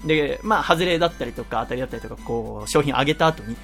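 A man hosting a radio show, telling stories in fast, animated casual chat with polite formal phrasing. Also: mid-range voice, creaky, soft background music.

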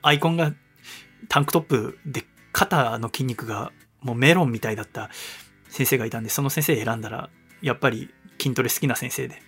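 A man's voice: medium pitch, a little fast, a bit bright, slightly rough, soft background music. A man hosting a radio show, telling a rambling story in a casual, chatty way full of fillers and reading listener mail.

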